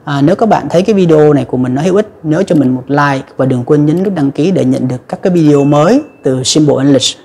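A woman's voice: sits low, fast talker, few pauses, mellow, slightly rough. A woman teaching English pronunciation to viewers, patiently explaining step by step with frequent fillers. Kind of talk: pronunciation lesson.

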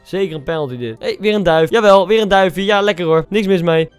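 Young man, YouTube reaction host: clear, slightly high voice, incredulous and teasing, quick exclamations over faint music. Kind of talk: casual reaction commentary.

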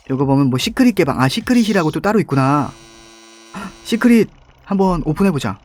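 A young man talks his way through a mobile dating game, reading choices aloud and chuckling at them. His voice sits a bit high for a man. Faint music plays underneath. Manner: chatty, reads game lines aloud, laughs often. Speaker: gaming YouTuber. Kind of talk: game playthrough commentary.

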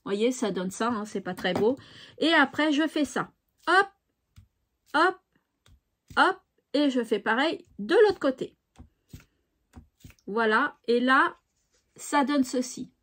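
A woman's voice: high voice, lively intonation, slow pace, pauses often, a bit bright. A woman hosting a craft tutorial, chatting casually and thinking aloud with fillers. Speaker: craft channel host.

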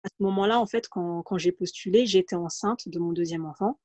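This Paris-region woman in her thirties, a guest on a video call from home, shares her career story with lots of hesitation, fillers and restarts. Her fairly low voice is darkish and a little quick, captured dry on dull, lo-fi audio.

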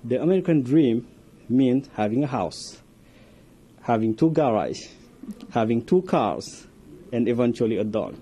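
Man from Senegal, network engineer, warm mellow tone, steady explaining, faint hiss. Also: medium pitch, a little slow, long pauses. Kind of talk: interview answers. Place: office with world map on wall. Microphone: handheld reporter mic.

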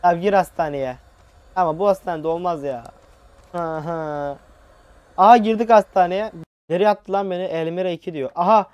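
A man's voice: high-pitched, moderate pace, darkish tone, clear, resonant tone, dry recording, muffled recording. A young man commentating a horror video game he plays, nervous and jumpy, talking back to the game on a headset mic. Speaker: gaming channel host. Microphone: new headset mic.

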